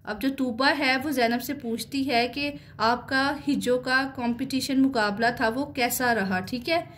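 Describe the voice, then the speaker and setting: Woman, online teacher, somewhat high voice, slow careful English reading, keeps checking "right?". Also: a bit bright, a little hiss or hum. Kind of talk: explaining a children's English lesson.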